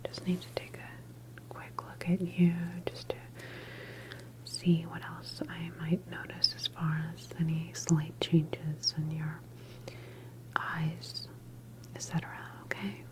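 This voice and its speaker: In an ASMR medical roleplay, a woman plays a calm, reassuring female doctor examining someone at a sci-fi government facility. She whispers softly in a breathy, mostly unvoiced voice that sits low, explaining each step politely, gently and unhurriedly. The recording is rough.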